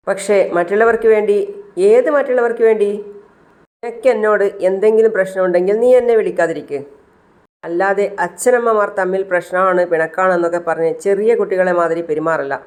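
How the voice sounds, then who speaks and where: A woman's voice: mid-range voice, a little fast, a little mellow, close to an everyday voice. A storyteller voicing a hurt, angry young woman who confronts a friend with pleading, reproachful questions.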